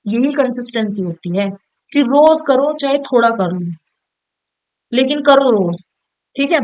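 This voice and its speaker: A young woman, a student, talks straight to camera with casual, motivational career advice, coaxing and direct, often checking that viewers are following. Her voice sits high and is expressive, with a darkish tone and measured pace. The recording is muffled.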